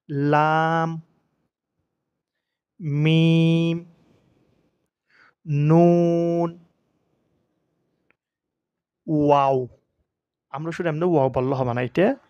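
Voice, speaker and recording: A man's voice: medium pitch, darkish tone, dry recording, dull audio. A male Quran teacher, giving a pronunciation lesson and drawing out each Arabic letter. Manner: drawn-out demonstration of each letter.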